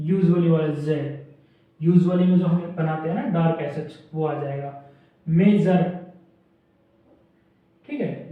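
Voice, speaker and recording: A man teaching a shorthand class who says each word slowly, breaks it into syllables and repeats it as he writes. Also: on the high side. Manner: slow, spells words out syllable by syllable and repeats them. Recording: echoey, dull, distant room recording.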